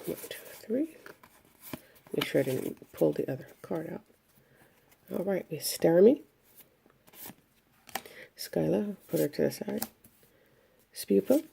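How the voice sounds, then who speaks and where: A woman giving casual commentary as she opens trading card packs, listing each card one by one in an unhurried way. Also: lowish voice, sing-song, gravelly, dark tone, slight background noise. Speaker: card collector opening packs. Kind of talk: casual pack-opening commentary.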